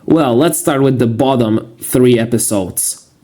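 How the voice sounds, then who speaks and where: A man narrating a casual video review in a monotone, matter-of-fact way. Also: mid-range voice, unhurried. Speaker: YouTube reviewer.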